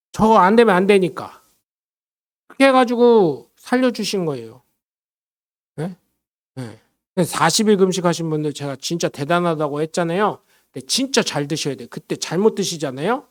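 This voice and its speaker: A man, a pastor, preaching a lively sermon and often calling out questions to his congregation. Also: high voice. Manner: switches between solemn blessing and chatty storytelling.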